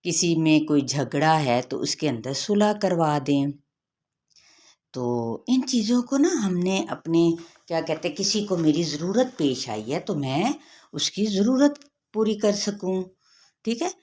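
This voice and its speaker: A woman's voice: fairly low pitch, very animated, measured pace, dark tone. A woman teaching a tajweed lesson, patiently explaining recitation rules step by step and often checking in with her listeners.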